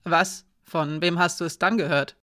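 Frau spricht eine spitze, empörte junge Magd. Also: female voice, on the low side, steady tone, moderate pace, a bit bright, close to an everyday voice. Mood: snappish. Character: young woman, servant, proud and prickly.

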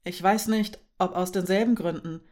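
Woman reading as calm, literal-minded young man. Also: fairly low pitch, moderate pace, close to an everyday voice. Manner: plain, matter-of-fact.

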